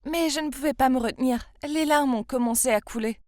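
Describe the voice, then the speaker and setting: A woman's voice: high voice, brisk, a little mellow, dry recording, studio quality. A woman in her twenties from France, narrating her own story in the first person with a confiding, emotional manner. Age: 20s.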